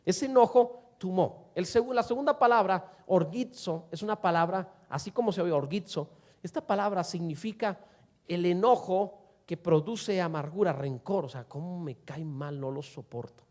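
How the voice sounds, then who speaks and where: A man preaching a sermon to a congregation, asking them rhetorical questions and swinging between loud and soft. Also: high-pitched, moderate pace. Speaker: pastor.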